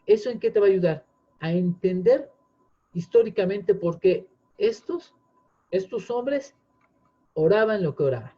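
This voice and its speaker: A man's voice: high voice, expressive, measured pace, long pauses, dark tone. A man, earnestly explaining in casual chat, often restarting with fillers. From Mexico. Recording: dull lo-fi sound.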